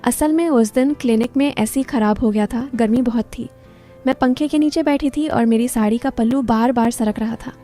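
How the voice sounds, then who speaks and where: A woman tells a first-person story in a calm, intimate voice. Her pitch sits a bit high, her tone is soft and mellow, and faint music plays behind her. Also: normal speed.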